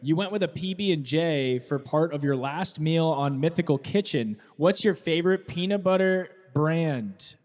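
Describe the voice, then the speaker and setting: A man in his thirties reads out listener questions in a relaxed, jokey podcast chat. His voice sits a little high, and a long reverb trails behind it. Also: moderate pace, hardly any pauses. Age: 30s.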